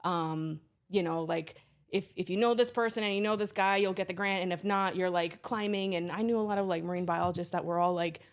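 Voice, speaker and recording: A woman's voice: on the low side, steady tone, brisk. A young woman from Trinidad, a geologist guest telling her story in a chatty, filler-heavy way. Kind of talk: casual interview chat.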